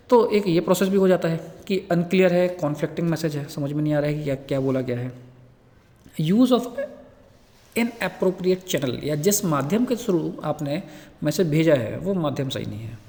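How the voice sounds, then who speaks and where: A man lecturing nursing students, reading English points slowly and then explaining them in casual terms. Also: on the high side, warm tone, big-room sound. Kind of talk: Hindi lecture explaining from slides.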